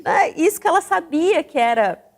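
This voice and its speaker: Female talk-show host, high-pitched, reflective and questioning, long room reverb. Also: moderate pace. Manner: reflective, animated, asks the audience questions.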